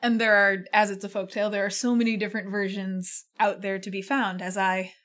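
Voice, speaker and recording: A woman's voice: medium pitch, level tone, fairly quick, fairly bright tone. Chatty woman hosting a show. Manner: chatty, explains words patiently, laughs often. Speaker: radio show host. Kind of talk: casual chat. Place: living room home studio.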